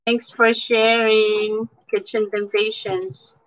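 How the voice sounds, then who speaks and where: A woman with a Filipino accent chatting casually with live viewers, mixing languages, thanking people by name and pausing on fillers. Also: fairly high pitch, little pitch movement, dull audio. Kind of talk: casual live-stream chat. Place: indoors at home in Canada.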